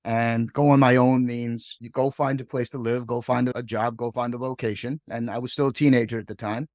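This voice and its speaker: A man's voice: mid-range voice, little pitch movement, brisk, a little mellow, no echo, clean studio sound. A middle-aged man from Hong Kong, a podcast guest, telling his career story in a chatty way and tagging many sentences with "right?". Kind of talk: casual storytelling.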